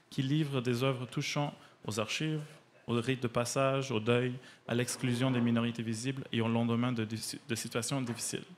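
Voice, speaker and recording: A medium-voiced man offers a prepared arts column, partly read aloud, with reviews and explanations in a cultural radio style. Slight background noise is audible.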